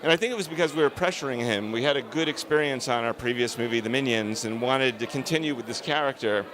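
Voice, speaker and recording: A man's voice: medium pitch, quick pace, a crowd in the background, low-quality recording. A man, a film director, answering interview questions on a red carpet in an earnest, emphatic, discursive way.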